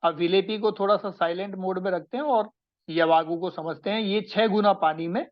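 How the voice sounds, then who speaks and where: A man giving a slow classroom lecture, repeating and recapping each point so students can take notes. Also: high-pitched, highs cut off. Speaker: Ayurveda teacher.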